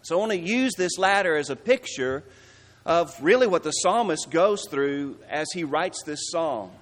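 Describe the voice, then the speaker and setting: A man's voice: fairly high pitch, expressive. Earnest male pastor preaching in a hall. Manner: earnest, slows for emphasis on quotes. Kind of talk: sermon. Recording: long reverb of a large hall.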